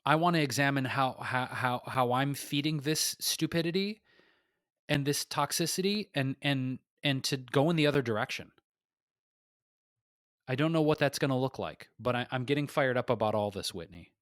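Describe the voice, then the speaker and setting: A man's voice: medium pitch, normal speed, a bit bright, no echo, clean studio sound. Fired-up, swearing male podcast co-host. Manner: heated, profane and restless, with many restarts. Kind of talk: impassioned casual podcast talk.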